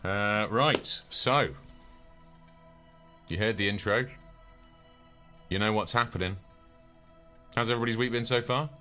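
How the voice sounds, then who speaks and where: A man's voice: on the low side, a little slow, pauses often, pushed and bright, soft background music. A man chatting casually and self-deprecatingly as game master of a streamed tabletop game.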